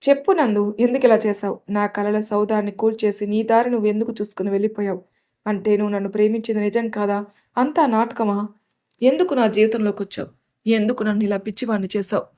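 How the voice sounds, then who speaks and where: A woman's voice: medium pitch, steady tone, quick pace, dark tone, natural voice. A woman voicing a heartbroken young man who pleads with his former love in anguish.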